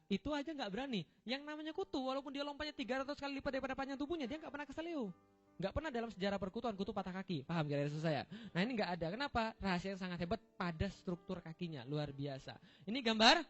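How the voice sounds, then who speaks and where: A man's voice: sits high, expressive, fast talker, a bit bright. A man giving a humorous religious lecture to an audience, joking and quizzing them with rhetorical questions as he walks through slides. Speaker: preacher. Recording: dull lo-fi recording with faint music.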